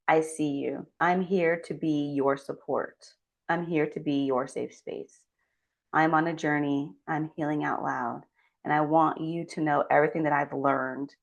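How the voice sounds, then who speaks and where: A woman's voice: low voice, creaky. A woman giving a scripted motivational talk as a well-being coach, speaking earnestly and supportively straight to the listener. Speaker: well-being coach and doctor hosting a channel.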